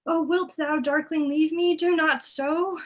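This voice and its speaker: A woman's voice: high-pitched, fairly even intonation, a little slow. A woman reading the part of a forlorn, lovesick young woman in an amateur Shakespeare read-through, pleading and self-mocking.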